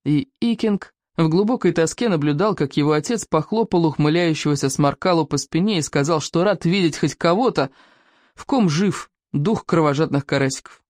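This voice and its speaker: A reader giving an expressive, dramatic audiobook narration. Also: medium pitch, moderate pace, no echo, clean studio sound. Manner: lively, dramatic storytelling.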